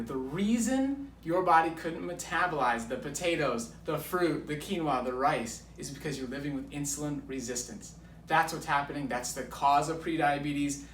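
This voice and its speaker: A slightly high, fairly bright male voice belongs to a guest coach in his thirties who explains enthusiastically and emphatically in a filmed conversation, pressing his key points home. The recording is distant, echoey and has background noise.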